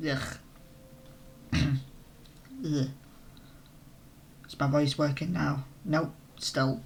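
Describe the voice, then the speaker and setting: A hoarse man who is losing his voice, narrating a role-play adventure in the first person and breaking off for casual asides. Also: a little high, drawn-out words, a little hiss or hum.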